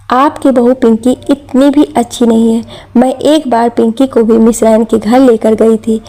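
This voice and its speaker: A woman's voice: fairly high pitch, dark tone. A woman telling a family drama story in scripted narration, reading every character's lines in her own voice.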